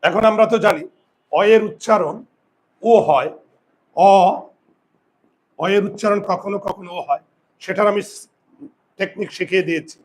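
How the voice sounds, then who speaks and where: A man's voice: high-pitched, moderate pace, long pauses, poor audio. A man teaching a pronunciation lesson in class. He drills the rules over and over and keeps asking his students questions. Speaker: Bengali grammar teacher.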